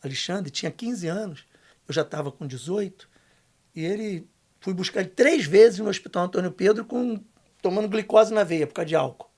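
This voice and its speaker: An older man tells his story as a podcast guest in a gravelly voice. He speaks emphatically and uses a lot of slang. When he quotes others, his voice sinks to a hush. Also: high voice, expressive, moderate pace. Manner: emphatic, slangy, dips to a hushed voice for quoted lines. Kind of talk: storytelling testimony.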